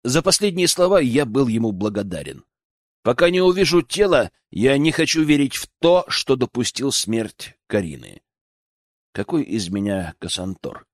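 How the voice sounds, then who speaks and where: Expressive male audiobook narrator. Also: mid-range voice, moderate pace, no room sound, clean studio sound. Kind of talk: first-person scripted narration.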